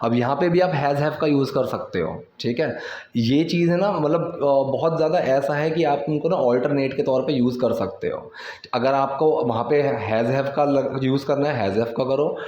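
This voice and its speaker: A man teaching English phrases in a casual lesson, slowing right down to read each English line word by word. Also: medium pitch, a little mellow, dull audio. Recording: roomy echo.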